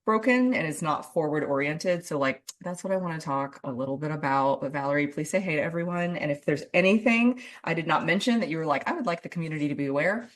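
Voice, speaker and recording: A low-pitched woman hosting a casual interview podcast. She gushes and chats freely, peppering her sentences with "like". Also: lively intonation, fast, hardly any pauses. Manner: effusive, chatty, lots of "like". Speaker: podcast host.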